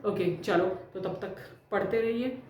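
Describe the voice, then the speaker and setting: Woman teacher from India, mellow voice, unhurried drawn-out explanation, faint hum behind. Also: medium pitch. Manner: slow, stretches out technical terms while writing. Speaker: chemistry teacher. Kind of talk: classroom lesson mixing Hindi and English. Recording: very echoey room, voice far from mic.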